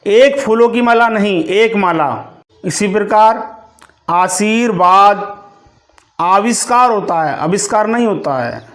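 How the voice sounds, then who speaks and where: A man teaching a grammar lesson for exam preparation, reading out correct and incorrect words slowly and deliberately, one by one. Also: high voice, expressive. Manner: slow, deliberate, word-by-word dictation of correct and incorrect forms.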